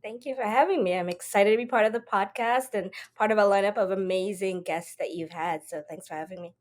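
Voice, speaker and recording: A woman's voice: mid-range voice, a little fast. A woman in her thirties from South Africa, speaking as a podcast guest in a reflective, advising way. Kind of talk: conversational interview answers.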